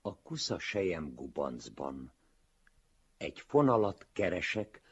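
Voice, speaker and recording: Deep, very husky male reader. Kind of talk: literary reading aloud. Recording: dull lo-fi recording.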